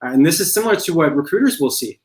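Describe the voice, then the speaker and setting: A man speaking as a career coach guest in a casual interview, relaxed and conversational, often tagging his points with a question. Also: on the high side, very fast, echoey room, poor audio. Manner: relaxed, conversational, frequent "right?" tags.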